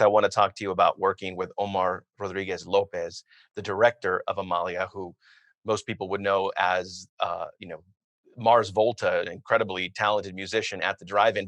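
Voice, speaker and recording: Low-voiced man moderating, dry sound. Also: a bit bright, no echo. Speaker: news anchor co-host. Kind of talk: moderating a panel. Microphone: video call.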